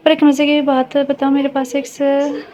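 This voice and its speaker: A tender, worried mother in her middle years, read by a woman narrator. She speaks gently in a high, even voice with a mellow tone. The recording sounds dull. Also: moderate pace, natural voice.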